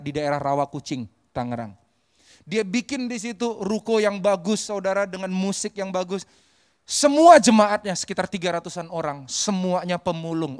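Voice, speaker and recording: High-voiced preacher swinging hushed to loud. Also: male voice. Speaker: pastor. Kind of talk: sermon.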